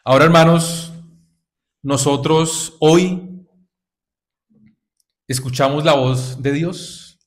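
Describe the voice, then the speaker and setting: A man's voice: fairly high pitch, fairly even intonation, slow, pauses often. A man preaching a sermon to his congregation, exhorting them with repeated rhetorical questions and calls of "brothers". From Colombia.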